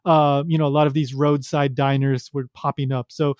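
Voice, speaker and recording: A man's voice: medium pitch, level tone, moderate pace, darkish tone, no echo, clean studio sound. A man hosting a podcast, talking casually and rambling with many fillers and restarts. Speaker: podcast host.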